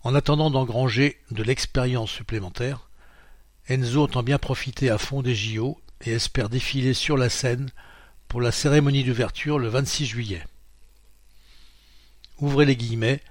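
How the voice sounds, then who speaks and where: A man reading a printed magazine aloud in French, announcing page numbers and quotation marks in a steady, informative way. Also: medium pitch, moderate pace, dry recording, studio quality. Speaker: magazine reader.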